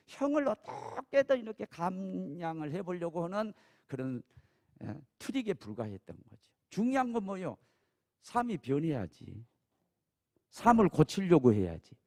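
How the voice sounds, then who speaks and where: A man preaching a sermon as pastor, talking conversationally to the congregation and rising from soft asides to loud, emphatic peaks. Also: sits high. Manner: conversational, asks the congregation "예?" for assent.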